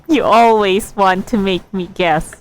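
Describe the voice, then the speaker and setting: A woman livestreams a game, musing and thinking aloud as she reacts to the story dialogue in casual commentary. Her medium-pitched voice has lively intonation and a slow pace, and the rough recording carries game ambience and noise in the background.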